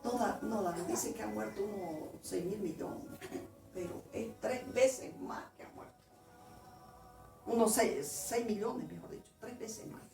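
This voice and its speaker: A woman's voice: mid-range voice, measured pace, gravelly, warm tone, faint music behind. A woman preacher telling a personal testimony in a sermon, emotional and restarting her words, in an echoey church room. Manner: emotional storytelling with frequent restarts. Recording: echoey room, distant mic, faint noise.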